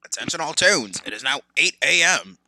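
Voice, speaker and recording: A man's voice: on the high side, very animated, moderate pace, bright, forceful tone, no echo, pitched above the performer's own voice, full character voice. A man voicing a male announcer reading a formal announcement. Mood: announcing. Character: male announcer over a loudspeaker.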